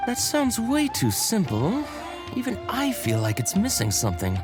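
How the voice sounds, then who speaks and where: A woman's voice: medium pitch, huge pitch swings, normal speed, music in the background. A woman voicing a courteous but skeptical toy seller in a video game, with a doubtful, polite manner. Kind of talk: video game character dialogue.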